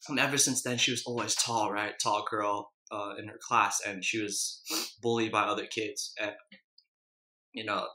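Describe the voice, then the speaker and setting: A man with a fairly low, bright and forward voice chats casually as he eats, chewing between and during phrases. He sounds like a mukbang host, recorded in a roomy, echoey space. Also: steady tone, normal speed. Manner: chewing and eating while talking. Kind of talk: casual chat while eating.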